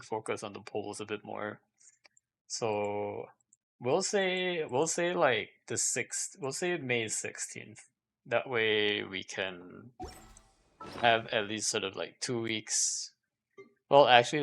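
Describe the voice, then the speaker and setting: Chatting casually on a livestream, a man thinks aloud in a hesitant, rambling way, often repeating himself. His voice sits on the low side, with vocal fry and a fairly bright tone.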